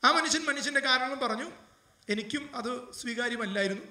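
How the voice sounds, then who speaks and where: High bright-voiced preacher in an echoey room. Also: male voice, fairly quick, recorded from a distance. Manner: emotional preaching, rising to loud fervent appeals. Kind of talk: sermon storytelling.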